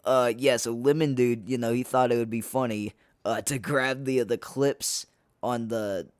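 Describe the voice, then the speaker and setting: A man's voice: mid-range voice, fairly even intonation, normal speed, clear, resonant tone, no echo, studio quality. Rambling young man on a clip-on mic. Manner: rambling, lots of fillers and restarts. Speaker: video creator. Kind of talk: casual commentary. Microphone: small clip-on lapel mic, recorded on a phone.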